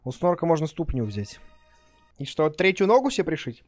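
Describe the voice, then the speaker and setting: A male game streamer with a fairly high voice and very lively intonation. He comments casually, jokes and swears freely. Game music plays clearly behind him. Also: a little fast, no echo. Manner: joking, sweary, reacts out loud. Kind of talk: casual live gaming commentary. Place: indoor room, streaming setup. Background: game music and effects.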